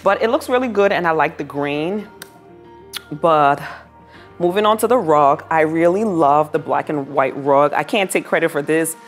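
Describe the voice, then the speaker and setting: A woman's voice: low-pitched, normal speed. A woman giving a casual home makeover tour to viewers, gushing admiringly about the decor as she goes. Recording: music behind the voice. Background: background music.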